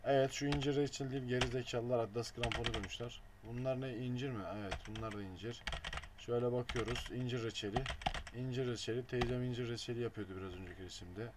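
Keyboard and mouse clicks fill this noisy home recording of a man's casual screen-recording tutorial. He speaks quickly at medium pitch with fairly even intonation, muttering along as he clicks and dropping blunt jokes in passing.

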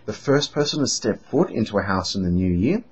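Young Australian man, husky voice, lively delivery, sardonic vlogger tone. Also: on the low side, brisk. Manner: lively, mocking, emphatic. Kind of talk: sarcastic casual vlog monologue. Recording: dull lo-fi home recording.

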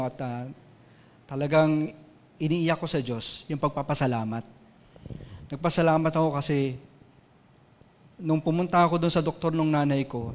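Filipino guy giving a sermon, kinda high voice, earnest and personal, big echoey church hall. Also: a little mellow. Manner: earnest, personal storytelling, rising to emotional intensity. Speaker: preacher. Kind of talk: sermon mixing Tagalog and English. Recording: long hall reverb.

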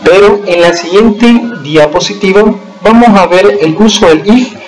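A man teaching an English lesson to schoolchildren, explaining slowly and patiently and pausing to check they follow, slowing down to spell out example sentences. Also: sits high, rough recording. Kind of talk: recorded remote lesson over slides.

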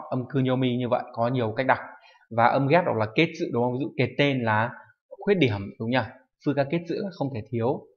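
A man's voice: medium pitch, muffled recording. A man teaching a recorded online kanji lesson. He lists items steadily and checks in often with rhetorical questions. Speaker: Japanese teacher.

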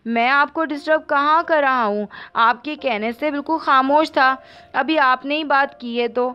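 A woman's voice: sits high, moderate pace, natural voice. A woman voicing a playful, stubborn young man who teases a woman in an audiobook novel. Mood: puzzled. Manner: teasing, mischievous. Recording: dull lo-fi audio.

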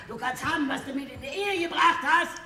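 A woman's voice: sits high, fairly quick. Woman playing a scornful, fed-up wife. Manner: sharp-tongued, mocking. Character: fed-up middle-aged wife leaving her husband. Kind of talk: live stage comedy sketch. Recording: echoey hall from far off, loud audience and noise.

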